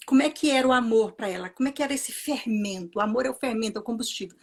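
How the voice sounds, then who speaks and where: A woman with a fairly high voice and a Brazilian Portuguese accent gives a reflective talk at a commemoration. She speaks earnestly and circles back to key phrases, repeating them for emphasis. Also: racing.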